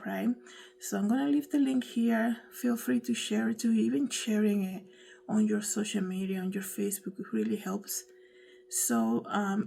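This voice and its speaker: A woman's voice: fairly high pitch, gravelly, dark tone, slight background noise, rough recording. A woman giving casual commentary on a news story, chatty and preachy, often asking her listeners "right?". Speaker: online commentator.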